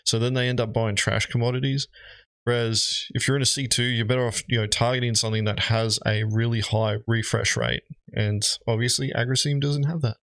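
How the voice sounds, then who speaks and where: A man's voice: medium pitch, fairly even intonation, brisk, gravelly, fairly bright tone, no room sound. A man giving casual, rambling commentary as he reacts to gaming videos, with lots of fillers. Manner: rambling, frequent "you know" fillers.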